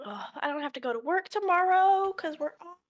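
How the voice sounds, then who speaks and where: A woman chatting casually with fellow tabletop players during a break. She is excitable, playful and swears freely. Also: extremely high pitch, brisk.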